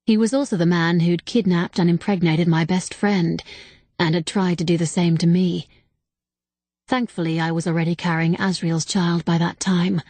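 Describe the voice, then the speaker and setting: A woman reading a first-person audiobook narration in a steady, measured way. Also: on the low side, no echo.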